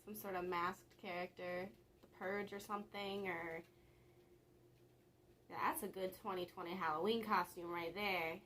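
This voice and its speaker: A woman's voice: on the low side, steady tone, moderate pace, fairly bright tone, slight background noise. A young woman vlogger chatting casually and rambling a little, with laughs between thoughts. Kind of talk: casual vlog chat.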